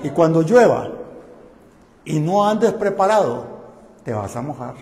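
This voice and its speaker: A man's voice: fairly high pitch, animated, a little slow, darkish tone. Guy preaching a sermon, asks the crowd questions, roomy echoey sound. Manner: rhetorical questions to the congregation. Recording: echoey hall.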